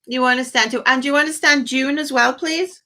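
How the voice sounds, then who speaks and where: Pitched high and steady, her brisk delivery has a sharp tone. She is a psychic medium hosting a live phone-in, warmly effusive with endearments and blessings, and she passes on messages to the caller in quoted asides.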